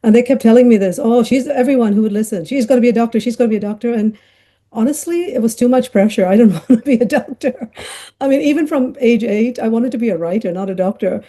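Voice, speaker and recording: A woman's voice: on the high side, fast, dark tone. A middle-aged woman who grew up in Ghana, telling her life story as a podcast guest in a chatty way with many fillers and laughs. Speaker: guest, child psychiatrist. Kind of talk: conversational storytelling interview.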